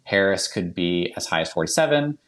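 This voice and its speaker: A man with a Boston accent and a deep, low-pitched voice, explaining things on a podcast as a guest. He talks in quick, chatty bursts, full of "um" and "like" and restarts mid-sentence. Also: animated. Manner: rapid, chatty, many fillers and self-corrections. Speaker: polling analyst guest.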